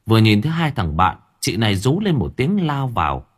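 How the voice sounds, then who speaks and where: A man's voice: fairly quick, breathy edge. A man narrating a horror story dramatically. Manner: storytelling, dramatic, with lively pitch. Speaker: audiobook narrator.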